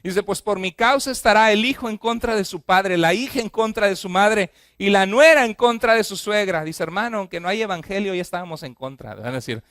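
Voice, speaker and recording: A male pastor preaching a sermon, often asking his congregation questions, speeding through repeated lists and slowing down to stress a point. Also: high voice, fairly bright tone, dry recording, clean studio sound. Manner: asks the congregation frequent questions. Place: church.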